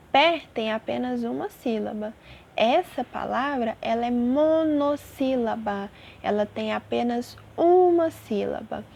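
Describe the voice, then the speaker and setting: A woman's voice: a little high, gravelly, a little mellow. A woman teacher, explaining a grammar lesson to young students patiently, often checking in with them. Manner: patient, repeats terms and checks in with "tá bom?".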